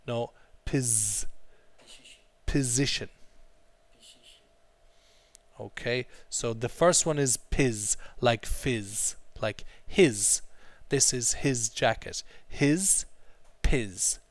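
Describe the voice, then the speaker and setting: A man's voice: mid-range voice, takes it slowly, hardly any pauses, no echo. A man teaching an English class, explaining vocabulary and drilling pronunciation with repeated phrases. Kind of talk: classroom language lesson.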